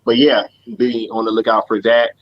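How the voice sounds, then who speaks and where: A man's voice: medium pitch, level tone, normal speed, no echo. A man hosting a casual live stream chat, talking in a laid-back, slangy way full of fillers. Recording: dull lo-fi stream audio.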